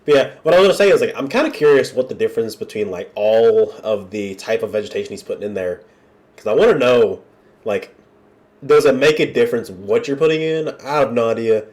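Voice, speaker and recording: A man's voice: medium pitch, animated, a little fast, a little mellow. A man with a congested, nasal voice from being under the weather, chatting casually to viewers as he hosts a reaction video. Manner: colloquial, chatty, addressing viewers as y'all. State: under the weather with a cold, wearing a nose strip.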